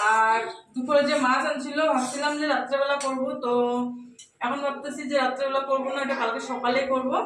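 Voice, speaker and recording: A woman's voice: sits high, slight background noise. Chatty Bengali mother vlogging chores. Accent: Bengali, colloquial North Bengal. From North Bengal, India. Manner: chatty, talks to viewers directly; speaks softly at times so a sleeping child stays asleep. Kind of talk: casual narration of chores. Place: home kitchen and rooms, indoors.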